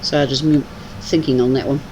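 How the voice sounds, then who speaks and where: In a very deep, steady voice with a darkish tone, this older livestream host talks briskly as she plays a game, chatty and teasing. Her accent blends New Zealand and English, and the rough recording carries slight background noise.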